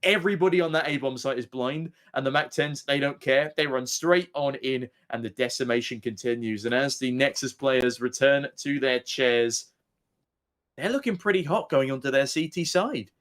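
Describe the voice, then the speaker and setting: A man's voice: mid-range voice, moderate pace, fairly bright tone. A man giving analytical live esports commentary, with wordy and emphatic phrasing.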